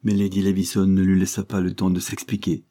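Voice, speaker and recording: A man narrating a novel as an audiobook in a measured, even storytelling manner. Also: low-pitched. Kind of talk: scripted narration.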